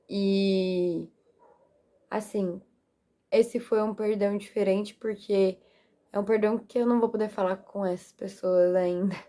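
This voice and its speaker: A young woman speaks in a warm, mellow voice, sharing a personal faith story in a relaxed, casual way. She is earnest and animated, acting out her own prayers as she talks. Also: mid-range voice. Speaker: vlogger sharing a faith testimony. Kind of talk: casual spoken testimony. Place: her bedroom.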